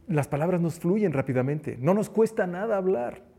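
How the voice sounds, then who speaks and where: A man's voice: sits high, expressive, moderate pace, creaky, mellow, breathy edge. A man preaching a conversational sermon who acts out the quotes he tells. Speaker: preacher and teacher.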